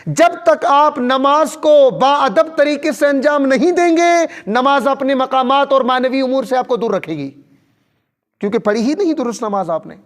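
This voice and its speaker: High-voiced man preaching emphatically. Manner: rhetorical questions, emphatic. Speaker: cleric. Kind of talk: Shia sermon.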